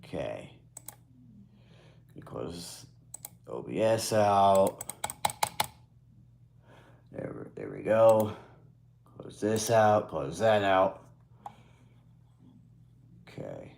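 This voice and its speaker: A man's voice: fairly low pitch, lively intonation, very slow, vocal fry, pauses often, background noise. A man streaming from his computer at home, chatting casually in a rambling, hesitant way with blunt swearing. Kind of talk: casual live stream chat.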